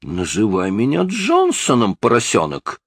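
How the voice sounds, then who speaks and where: A man with a low, gravelly voice voicing a brash, insolent teenage boy under police questioning who mocks in rude slang. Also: wildly swooping pitch, unhurried, no echo, exaggerated voice.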